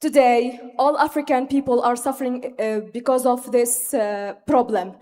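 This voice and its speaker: A young woman from Tunisia, a native Arabic speaker with a Tunisian accent, speaks haltingly and earnestly from the floor. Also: a little high, steady tone, warm tone. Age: young adult. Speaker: audience speaker at a youth forum. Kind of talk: impromptu speech from the floor. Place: conference hall, microphone from the floor. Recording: echoing large hall with long reverb.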